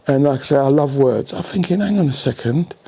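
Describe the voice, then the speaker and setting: An older Englishman, a senior coach, tells animated stories in an interview with a brisk, slightly rough mid-range voice. He often poses rhetorical questions and repeatedly checks that the listener follows and agrees.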